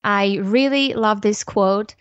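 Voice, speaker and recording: An earnest woman, speaking as a podcast guest in a measured, thoughtful way. Her voice sits at a middling pitch and sounds a little muffled, as if recorded on a dull lo-fi line. The room is dry, with no echo. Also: smooth. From Armenia. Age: 40s. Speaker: podcast guest, parenting educator. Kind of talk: reflective interview talk.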